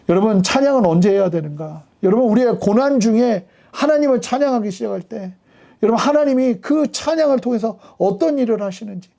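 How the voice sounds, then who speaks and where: A middle-aged male pastor delivers a sermon in a high voice with a gravelly edge. His tone is dark and mellow rather than bright. He moves from quiet storytelling to fervent emphasis.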